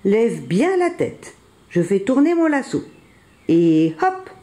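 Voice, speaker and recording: A storyteller voicing a small, eager boy hamster who dreams of being a cowboy, with high, excited exclamations. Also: slow pace. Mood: bossy. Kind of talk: storybook read-aloud.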